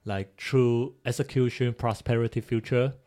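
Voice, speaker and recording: Male co-host, mid pitch, halting English, casual. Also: steady tone, warm tone. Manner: halting non-native English, laughs often. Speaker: podcast co-host. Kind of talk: casual discussion.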